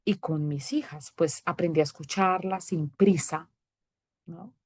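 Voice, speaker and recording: A woman in her thirties speaks as a podcast guest, her voice sitting a little low. She tells personal stories with animated energy and slips into the voices of the people she quotes. The sound is close and dry. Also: unhurried, breathy edge, no echo. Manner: animated storytelling, acting out quoted exchanges. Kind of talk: personal testimony in casual conversation.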